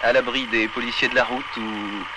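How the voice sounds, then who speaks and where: A man in his twenties introduces himself as a racing student and speaks eagerly. His voice is mid-pitched. A clear hiss runs under the 1960s film recording. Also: fairly even intonation, normal speed. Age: 20s. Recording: hissy 1960s film sound.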